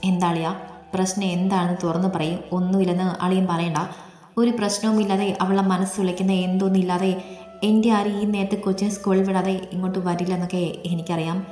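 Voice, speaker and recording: A woman's voice: lowish voice, level tone, fast, lightly acted. A woman voicing a stern, protective young man who asks blunt, pressing questions, read as story dialogue. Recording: echoey room, long reverb, soft music.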